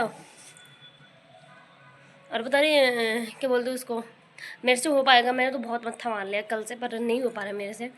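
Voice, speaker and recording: A young woman and mother vlogging in casual chat, rambling with many pauses and fillers, and rising into high, coaxing calls when she talks to her baby. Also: slight background noise. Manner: rises into high, loud, coaxing tones when calling the baby.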